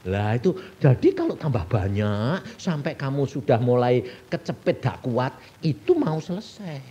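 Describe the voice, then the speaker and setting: A man's voice: medium pitch, wildly swooping pitch, normal speed, warm tone. A male evangelist with a Javanese Indonesian accent, preaching a folksy sermon and answering his own questions. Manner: folksy, asks the congregation questions and answers them himself.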